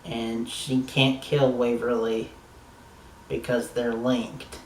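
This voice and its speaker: A man's voice: medium pitch, flat delivery, slow pace, reverberant, distant mic, a little hiss or hum, low-quality recording. A man giving a casual, rambling, enthusiastic review of a TV episode, swearing now and then.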